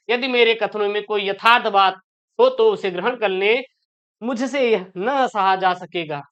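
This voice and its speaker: Woman teacher for an exam-prep lesson, smooth clear voice, slightly muffled recording, asks and answers her own questions. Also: mid-range voice, fairly bright tone.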